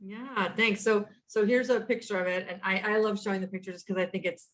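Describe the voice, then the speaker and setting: Guest, woman, 50s, rapid and animated storyteller on a video call, self-quoting. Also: medium pitch. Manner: animated, quotes herself, frequent restarts. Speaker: guest, author and entrepreneur. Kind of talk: conversational storytelling.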